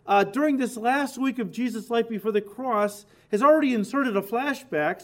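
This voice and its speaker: Male pastor, sermon teaching; emphatic and conversational, talks straight to the congregation, higher-pitched voice. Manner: emphatic, conversational, addresses listeners directly.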